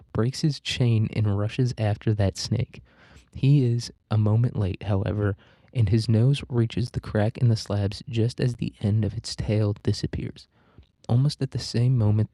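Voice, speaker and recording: A man's voice: lowish voice, warm tone, dry recording, studio quality. A man hosting a podcast, reading a story aloud and breaking off for irreverent, swearing commentary. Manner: irreverent, swearing, laughing asides. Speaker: podcast host.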